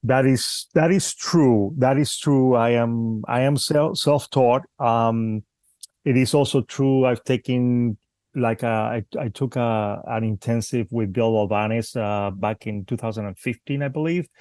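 Podcast guest, male, mid-pitched, halting and friendly-paced, dry mic. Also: darkish tone, dry recording. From Cuba, raised in Spain. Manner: hesitant, many restarts, laughs easily. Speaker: guest bonsai artist. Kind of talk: casual interview chat.

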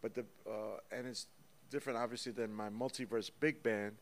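A man being interviewed as a guest musician, talking in a lively, storytelling way and counting rhythms out loud. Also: lowish voice, brisk. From United States. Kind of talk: casual interview. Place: small recording studio. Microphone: studio microphone.

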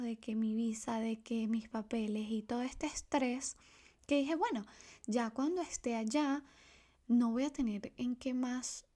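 With a mellow, slightly high voice, this young woman from Ecuador runs a solo podcast in a chatty, confiding way. Her speech wanders into asides and is full of fillers.

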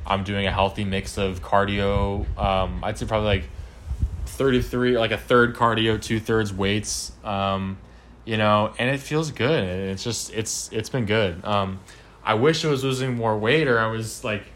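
Hesitant young man, low voice. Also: a little slow, a bit bright. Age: 20s. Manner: hesitant, many ums and restarts. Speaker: interviewee. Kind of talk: casual interview at home. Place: home apartment.

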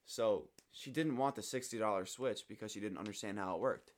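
A man on a casual podcast telling a story in an animated way, swearing and getting louder as he acts out what people said. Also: lowish voice, a little fast. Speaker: podcast co-host.

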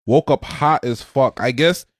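A young man telling stories casually among friends, animated, with lots of slang and swearing. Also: mid-range voice, unhurried, no room sound, studio quality.

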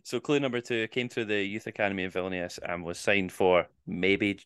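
Scottish guy running a footy quiz, low smooth voice, jokey and teasing. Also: a little fast, fairly bright tone, no room sound, clean studio sound. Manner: jokey, teasing, reads clues in first person. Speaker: quizmaster. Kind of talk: casual podcast quiz hosting.

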